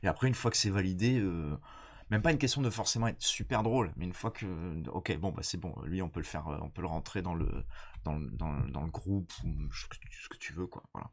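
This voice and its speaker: A man with a stuffy, nasal voice from a cold, chatting casually and explaining things in a halting, slangy way. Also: deep voice. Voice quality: congested, nasal. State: blocked nose from a cold. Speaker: stand-up comedian.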